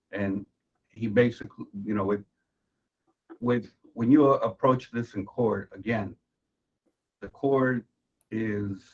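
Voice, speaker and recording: A man from Venezuela, a judicial candidate, answering interview questions in an earnest, insistent way and repeating himself as he argues. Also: on the low side. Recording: dull lo-fi recording.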